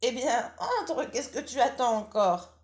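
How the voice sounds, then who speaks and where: A frail, weary old grandmother from a storybook, voiced by a woman chatters kindly and breaks into small laughs. Her voice sits high and thin. The reading has an echoey room around it. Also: unhurried, close to an everyday voice. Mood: doting. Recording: roomy echo.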